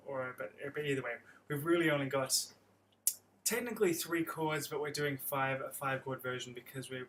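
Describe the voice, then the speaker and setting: Guitar playing sounds behind a young man's slightly bright, mid-range voice as he explains chords on a live stream. He rambles in a friendly way with lots of restarts, and there's a bit of background noise.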